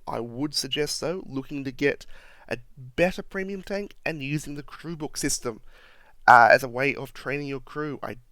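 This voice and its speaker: A channel host narrates a video game with lively play-by-play commentary, his mid-range voice slightly croaky. The recording is dry.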